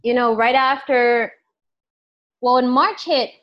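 A New York woman who works as a clinical psychologist and life coach is an interview guest, talking thoughtfully and casually with plenty of fillers and restarts. Her pitch is fairly high and her pace slow, and the audio sounds dull.

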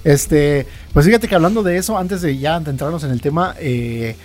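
A young man with a Mexican accent telling a story in casual chat, animated and full of swearing. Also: on the high side, moderate pace, soft background music. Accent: Mexican Spanish.

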